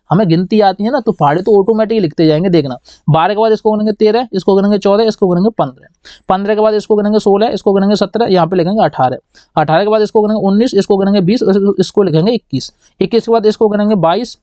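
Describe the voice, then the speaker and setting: A man with a high, light voice runs a maths lesson for children, prompting them with question after question about which number follows. The sound is dry and close, with a dull, lo-fi quality. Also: darkish tone, dry recording. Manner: coaxing, keeps asking kids "what comes next, beta?". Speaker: maths teacher. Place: indoor teaching setup writing with a pen.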